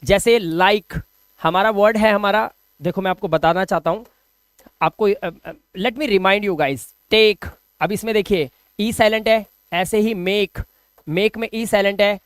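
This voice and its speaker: A man's voice: high-pitched, fairly even intonation, a little slow, clean tone, dry recording. A man giving an online video lesson on English pronunciation, explaining patiently in Hindi and dropping in English phrases. He keeps repeating each word and asking rhetorical questions to drill the point.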